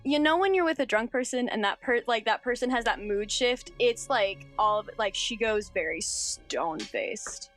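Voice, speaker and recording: A woman playing a tabletop role-playing game, narrating what her character does in a halting way full of fillers. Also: on the high side, expressive, fairly bright tone, soft background music. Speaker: player playing Ruthie.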